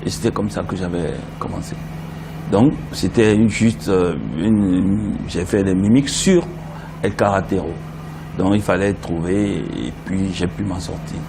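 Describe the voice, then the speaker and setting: A middle-aged Yoruba-speaking man from Benin, an interview guest, talks in a low voice at a measured pace. He chats animatedly in a casual way, telling stories with flair and sometimes bursting into song. The recording has a noisy background.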